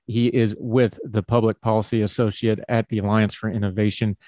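A man's voice: lowish voice, flat delivery, brisk, dark tone, no echo. A man with an Appalachian hillbilly accent hosting a conversational interview in a folksy, informal manner. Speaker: talk show host.

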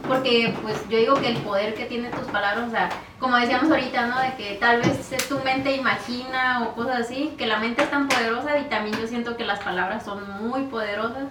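High woman, lively casual storyteller who acts out voices. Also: noisy background. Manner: animated, acts out family voices, laughs often. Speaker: podcast co-host telling a story.

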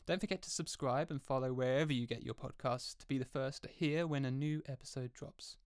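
Male host, brisk friendly promo read, dead-dry studio sound. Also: mid-range voice, clean tone, no echo. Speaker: podcast host. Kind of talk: podcast outro announcement.

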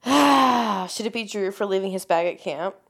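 A woman's voice: mid-range voice, lively intonation, a little slow, fairly bright tone, breathy edge. Hesitant woman with dry sarcasm. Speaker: podcast co-host. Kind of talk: casual podcast chat.

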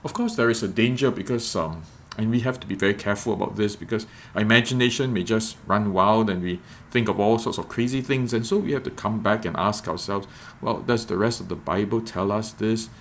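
A man giving a reflective devotional podcast talk as a preacher, measured and repeating phrases for emphasis. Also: on the low side, a little hiss or hum.

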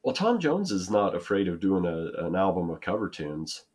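Deep-voiced rambling American man. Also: sing-song, normal speed, darkish tone, slightly rough. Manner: rambling, self-deprecating, frequent restarts and laughs. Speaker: podcast co-host. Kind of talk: casual chat.

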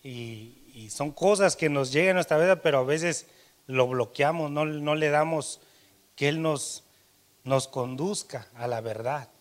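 A man preaching a sermon, telling a personal story, his voice rising louder and dropping soft. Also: on the high side, measured pace.

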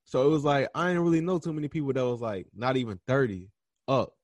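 A young man talks in an easygoing, slangy way, stopping and restarting as he works out his answers. His voice sits at an ordinary middle pitch. The sound is close and dry, with no room around it. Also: quick pace, dry recording. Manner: relaxed, slangy, thinking aloud with many restarts. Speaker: podcast host being interviewed. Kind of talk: casual interview conversation.

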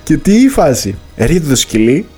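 A man's voice: medium pitch, sing-song, darkish tone, husky, soft background music. A man hosting a podcast, telling a camping story in casual chat, laughing often and swearing a lot. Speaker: podcast host.

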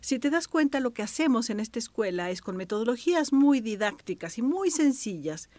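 A middle-aged Mexican woman, a thanatologist, teaching a radio workshop, swinging between soft whispered asides and bright exclamations. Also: on the high side, very animated, a little fast, no room sound. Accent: Mexican Spanish.

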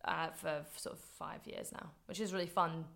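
This Liverpool woman in her twenties speaks with a Scouse accent in a low, steady, creaky voice that still sounds fairly bright, at a normal pace. A campaigner appearing as a podcast guest, she chats casually in the interview and leans heavily on "like" as a filler.

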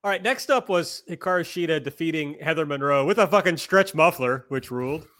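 A man's voice: fairly high pitch, animated, fairly quick, fairly bright tone. A man hosting a podcast in casual chat, recapping a show with sarcastic jokes. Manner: sarcastic, joking. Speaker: podcast host.

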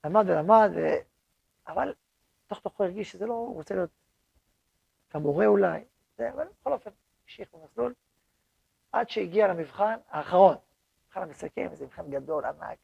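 A man's voice: sits high, expressive, vocal fry, long pauses, a little mellow, breathy edge, no room sound, highs cut off. A man, the head rabbi of a yeshiva, giving a lecture to his students and repeating words for emphasis.

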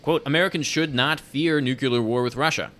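A man's voice: medium pitch, a little fast, a bit bright. A man co-hosting a casual chat, reading news headlines aloud and adding wry joking asides.

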